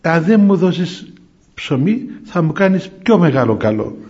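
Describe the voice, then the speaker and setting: A man voicing an old male ascetic monk who speaks broken Greek in a slow, calm way, in a dull lo-fi recording. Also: on the high side. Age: older.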